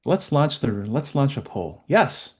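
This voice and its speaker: A man's voice: medium pitch, sing-song, slow. A man hosting an online webinar, chatting casually in an upbeat way with lots of fillers. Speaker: webinar host.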